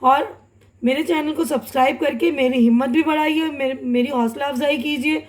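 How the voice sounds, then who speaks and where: A young woman teaching an online language lesson, reading example words slowly and deliberately and often checking that her students follow. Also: high voice, steady tone, echoey room. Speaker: Urdu teacher.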